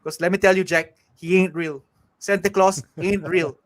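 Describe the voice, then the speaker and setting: A man's voice: high voice, steady tone, normal speed. A man with a Malaysian English accent giving an emphatic, exasperated fan's rant on a football panel show. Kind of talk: passionate fan rant.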